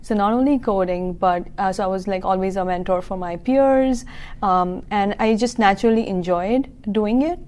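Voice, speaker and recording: A woman's voice: mid-range voice, normal speed, a little mellow. Earnest woman in her thirties, many fillers. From Kuwait. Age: 30s. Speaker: founder of a coding school. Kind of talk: local TV business interview.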